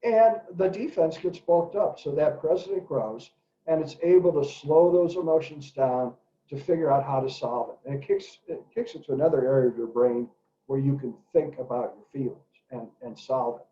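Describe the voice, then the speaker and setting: Middle-aged male educator with mellow voice. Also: mid-range voice, normal speed. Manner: animated storytelling, doing character voices. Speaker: educator presenting to parents. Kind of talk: presentation for parents. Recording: echoey room, dull lo-fi sound.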